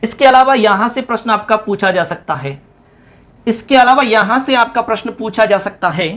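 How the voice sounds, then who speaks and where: A male teacher giving an exam-prep grammar lesson, chanting word forms in quick runs and talking to viewers as friends. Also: sits high, fairly bright tone. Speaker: Sanskrit teacher.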